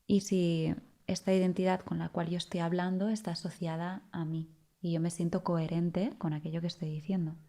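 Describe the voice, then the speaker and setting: A woman's voice: lowish voice, little pitch movement, a little fast, dark tone. A woman podcast host speaking in a thoughtful conversational way, searching for words as she goes. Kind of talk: conversational interview.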